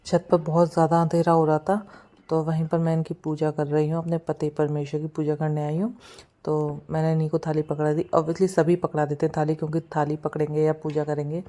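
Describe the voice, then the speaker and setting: A woman narrating her own video in a relaxed, chatty way. Her voice sits low and even, with a warm, mellow tone. She tells the story step by step. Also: brisk. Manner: chatty, retells events and acts out quotes. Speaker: vlogger. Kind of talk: casual voice-over narration.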